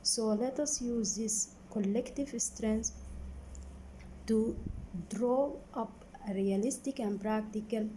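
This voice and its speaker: A woman cardiologist from Sudan introduces herself carefully and earnestly. Her voice is mellow, with faint ambience behind her. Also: a little high, slow, slight background noise, low-quality recording. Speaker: general cardiologist. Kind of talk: self-introduction.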